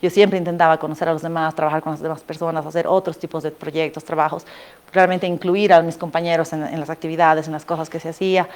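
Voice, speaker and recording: Speaking quickly in a deep voice, a Bolivian woman who was once a scholarship student tells stories casually to an audience in Bolivian-accented Spanish. She's animated and talkative, laughs a lot, and pulls listeners in directly with tag questions.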